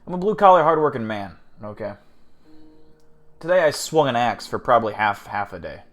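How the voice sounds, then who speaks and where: A man's voice: mid-range voice, very animated, moderate pace, fairly bright tone, soft background music. A man hosting a casual livestream, rambling, swearing and joking with his chat. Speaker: livestream host.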